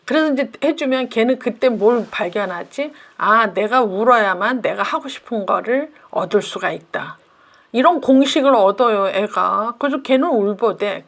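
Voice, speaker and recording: A woman's voice: mid-range voice, a bit bright. A middle-aged woman, a professor, giving a casual talk on parenting advice and acting out little scenes between mother and child.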